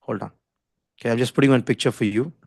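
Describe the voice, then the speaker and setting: Fast-talking Indian man teaching an online class. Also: medium pitch, vocal fry, darkish tone, husky, no room sound, studio quality. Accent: Indian English. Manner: didactic, insistent, repeats himself, often checks with "okay?". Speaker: design skills instructor. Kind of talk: live online lesson, informal explaining. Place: online video call with screen share.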